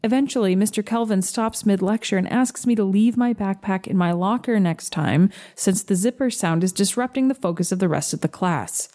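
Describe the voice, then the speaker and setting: A woman narrating a first-person story in a slow, gentle, measured reading. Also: mid-range voice.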